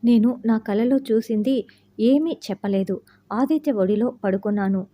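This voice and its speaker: A woman narrating a first-person heartfelt story in a calm, steady reading voice. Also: on the high side, normal speed.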